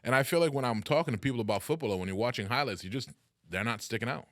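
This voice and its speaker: A man's voice: mid-range voice, racing, a bit bright, dry recording, clean studio sound. A middle-aged American man co-hosting a sports podcast in casual, profane, slangy chat, giggly and loose like he has been drinking. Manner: giggly, loose drunken banter; slangy, says "bro" and "dude" a lot.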